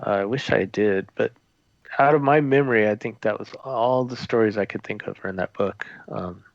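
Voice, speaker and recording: A man's voice: on the low side, normal speed, vocal fry, no room sound. A man, a former theme park custodian, telling a story in a conversational, rambling way with many fillers and restarts. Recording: dull lo-fi audio, dry.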